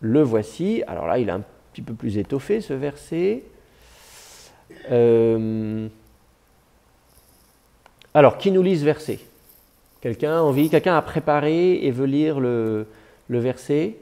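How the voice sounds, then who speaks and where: A male teacher explains a point to his class, patient and unhurried, often restarting his sentences. His voice is mellow and relaxed, at an ordinary pitch. He speaks in a classroom. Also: gravelly. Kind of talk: classroom lesson.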